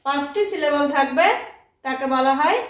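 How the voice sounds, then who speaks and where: A woman teaching a grammar lesson, speaking slowly and spelling out words letter by letter. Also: sits high. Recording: very echoey room, mic far off.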